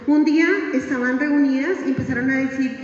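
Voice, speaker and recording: High-voiced woman in an echoey hall. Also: fairly quick. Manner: animated storytelling that acts out voices. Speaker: speaker giving a religious testimony. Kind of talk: live religious testimony to an audience. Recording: echoey hall, distant dull mic.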